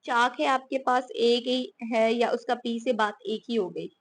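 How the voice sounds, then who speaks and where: A woman's voice: fairly high pitch, fairly even intonation, unhurried. A woman from Pakistan, casually lecturing on English grammar and often checking in with rhetorical questions. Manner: explains with repeated "theek hai" and rhetorical questions. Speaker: teacher explaining English grammar.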